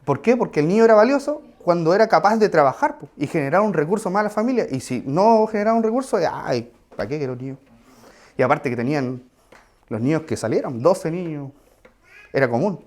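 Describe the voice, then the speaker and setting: A man's voice: high-pitched, expressive, fast talker, a little mellow. A man preaching a sermon in a conversational way, with asides and questions to the congregation.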